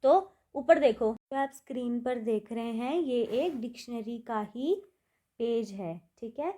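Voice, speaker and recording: Woman teacher, high voice, slow unhurried lesson delivery, patient explainer. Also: lively intonation, mellow. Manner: patient, step-by-step, often checks with "ठीक है". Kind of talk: explaining a dictionary lesson to children.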